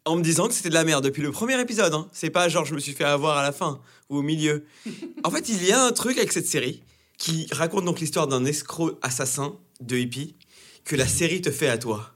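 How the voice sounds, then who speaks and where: A man's voice: fairly high pitch, expressive, brisk, fairly bright tone. A man giving a blunt, crude review in a casual chat, emphatic and laughing often. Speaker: panelist.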